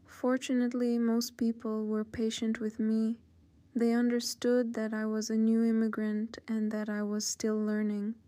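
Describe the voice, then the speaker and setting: Woman in her fifties, Ukrainian accent, very even delivery, mellow smooth tone, dry close sound. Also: a little high, no echo. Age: 50s. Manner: measured, plain and careful sentences. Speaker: interview guest. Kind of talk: oral history interview.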